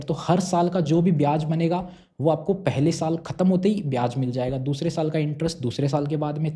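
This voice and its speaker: Young guy explaining money stuff step by step, asks himself questions then answers, kinda soft warm tone. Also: fairly high pitch. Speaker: finance YouTuber explaining savings schemes. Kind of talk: explainer talk to camera.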